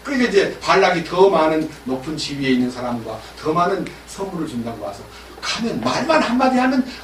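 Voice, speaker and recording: A male pastor preaches with a high, animated delivery, pressing his listeners with questions. He sounds far from the mic in a reverberant church. Faint ambience sits beneath. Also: brisk, a little hiss or hum. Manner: animated, acts out biblical dialogue, asks the congregation questions. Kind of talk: sermon. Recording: echoey church room from far off.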